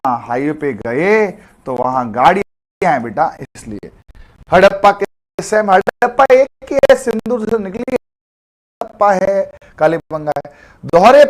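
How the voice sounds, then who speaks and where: Male tutor, fairly high pitch, informal, joking live online class. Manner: chatty, calls students beta, jokey memory tricks. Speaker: teacher.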